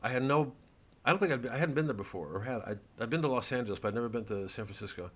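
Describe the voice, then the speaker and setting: A middle-aged male comedian rambles through a promotional monologue, hesitant, sardonic, and profane, full of filler and restarts. His voice is medium-pitched and he talks very fast.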